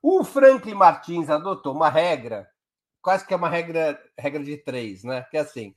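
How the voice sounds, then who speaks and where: A man's voice: a little high, expressive, moderate pace. A man with a Brazilian Portuguese accent, a guest commentator explaining politics live on a talk show in an emphatic, step-by-step way.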